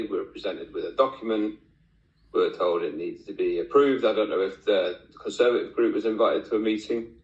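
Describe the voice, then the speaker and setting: A man chairing a formal meeting in a firm, insistent manner. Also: deep voice. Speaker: committee chair. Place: indoor council meeting room. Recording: echoey meeting room, muffled lo-fi sound.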